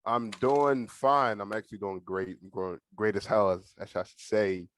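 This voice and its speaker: An eighteen-year-old American guest chats casually on a podcast from his bedroom at home, laid-back, slangy and sweary. His voice sits on the low side, steady in tone, at a moderate pace.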